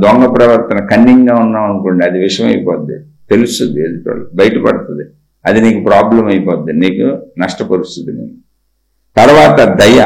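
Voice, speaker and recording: A man's voice: medium pitch, gravelly, a little mellow. A man giving a spiritual discourse, exhorting his listeners and asking and answering his own rhetorical questions. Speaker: spiritual teacher. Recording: echoey room.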